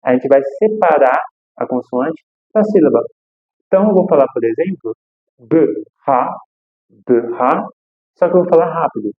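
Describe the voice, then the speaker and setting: A man gives a French pronunciation lesson in a slightly high voice. He explains step by step and repeats each example word slowly. The sound is thin and tinny, like a phone line. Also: expressive. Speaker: French teacher.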